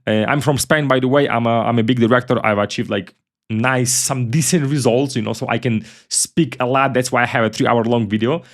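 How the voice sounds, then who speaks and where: Tutorial host: a man. Casual and chatty, repeats himself, swears offhandedly. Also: medium pitch. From Ukraine. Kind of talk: casual screen-recorded software tutorial.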